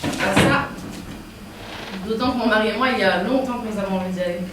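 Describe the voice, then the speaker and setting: An actress playing an over-polite, anxious bourgeois hostess in a stage comedy, gushing and socially correct. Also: female voice, medium pitch, fast, close to an everyday voice. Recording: very echoey, distant, loud noise.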